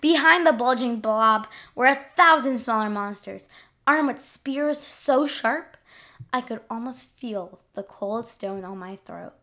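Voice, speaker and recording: A woman reads a first-person adventure story aloud, expressive and diary-like. Her voice is high and bright, and she takes her time over each phrase.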